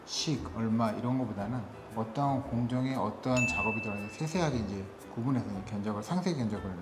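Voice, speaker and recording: Brisk man explaining renovation work. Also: on the low side, reverberant, over music. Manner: brisk, technical, matter-of-fact. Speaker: interior design company head.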